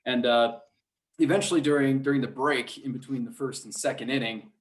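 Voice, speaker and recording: Speaking briskly with a steady, medium-pitched voice, a man tells stories as a podcast guest. He is a high school sports play-by-play announcer, and his manner is relaxed, talkative and self-deprecating.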